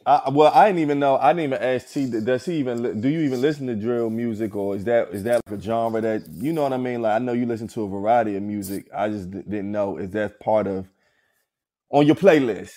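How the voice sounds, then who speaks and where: A man's voice: mid-range voice, brisk, mellow. Hesitant man steering a podcast. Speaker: podcast co-host. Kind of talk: casual group chat.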